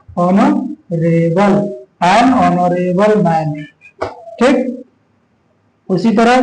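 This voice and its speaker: High-voiced male teacher in an echoey room. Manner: explains patiently, often checking with "okay" and slowly drawing out example words. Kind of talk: classroom grammar lesson.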